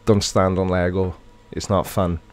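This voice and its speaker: A deep, flat voice at a measured pace belongs to a middle-aged livestream host from Wales. In his Welsh accent, he chats casually and reads comments from viewers aloud.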